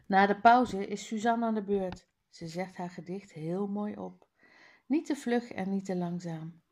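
A woman's voice: mid-range voice, a little slow, darkish tone. A woman reading a children's book aloud page by page, with careful word drills. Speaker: reader.

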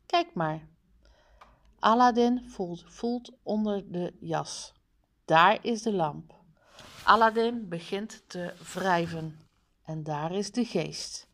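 A woman reading a simple storybook aloud and practising single words one by one, in a deliberate way. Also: medium pitch, fairly bright tone. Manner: very slow, deliberate, word by word. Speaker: reader. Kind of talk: slow reading aloud with word drills.

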